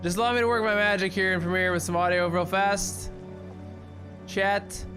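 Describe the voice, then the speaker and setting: High-voiced man chatting on a livestream. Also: steady tone, normal speed. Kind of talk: casual livestream chat. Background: faint music.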